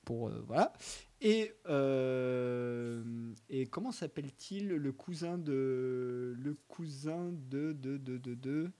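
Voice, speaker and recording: A man's voice: mid-range voice, expressive, slow pace, mellow. A man co-hosting a casual podcast, talking about an upcoming TV series in a rambling, hesitant way with lots of fillers and restarts. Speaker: podcast co-host presenting a segment.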